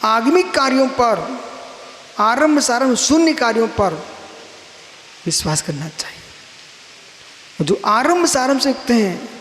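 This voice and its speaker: A man, a Jain monk, giving a sermon and explaining word roots, asking and answering his own questions. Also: high voice. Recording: roomy hall echo with faint hiss.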